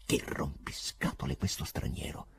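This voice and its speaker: A man voicing an irritable young poet in an audiobook, muttering his thoughts in a low whisper. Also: huge pitch swings, normal speed, vocal fry, darkish tone, husky, heavily acted. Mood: irritated. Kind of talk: audiobook reading.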